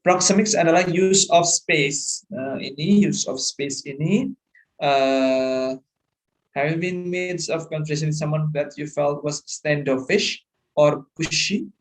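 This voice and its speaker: In an online lecture, a middle-aged man explains course material in a fairly high-pitched, steady, slow voice. He often checks that students are following and mixes English terms into his talk.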